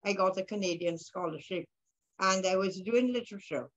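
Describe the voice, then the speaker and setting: A woman's voice: medium pitch, normal speed, highs cut off. A woman in her sixties with a Vincentian accent, talking conversationally about herself as an interview guest. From Saint Vincent and the Grenadines. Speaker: guest, poet and author. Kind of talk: conversational autobiographical interview answer. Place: room at home indoors. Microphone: video call.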